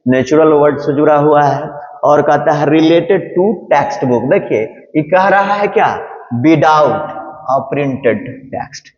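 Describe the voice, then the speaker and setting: A male teacher giving an exam-prep lecture, explaining step by step and reading English phrases slowly. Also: high voice, darkish tone. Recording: echoey room, dull lo-fi sound.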